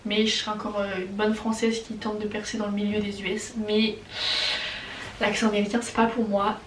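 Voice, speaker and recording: A young woman from France with a French accent, chatting casually and excitably as she answers viewer questions in a vlog. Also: mid-range voice, echoey room, distant mic, slight background noise. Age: young adult. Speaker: vlogger.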